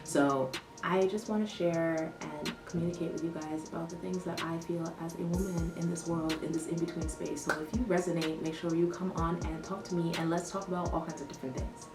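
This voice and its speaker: A woman's voice: fairly low pitch, steady tone, brisk. A young woman chatting casually to camera about motherhood, peppering her talk with "like". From born in the US, raised in London. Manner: chatty, lots of "like" fillers. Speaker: vlogger, new mother. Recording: roomy echo, heard from a distance, faint music behind.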